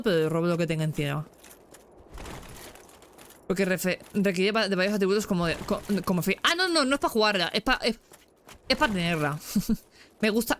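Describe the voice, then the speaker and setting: Give me a young woman, chattering through a game stream and breaking into excited squeals. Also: fairly low pitch, a little hiss or hum. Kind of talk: casual gameplay commentary.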